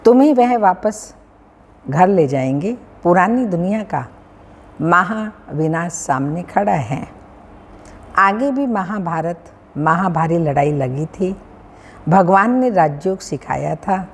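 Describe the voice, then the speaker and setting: A woman with a North Indian Hindi accent reading a daily spiritual discourse as a teacher, in a measured, sing-song recitation with pauses and frequent throat-clearing. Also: on the low side, expressive. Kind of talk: slow devotional reading of scripture. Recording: long hall reverb, faint room hum.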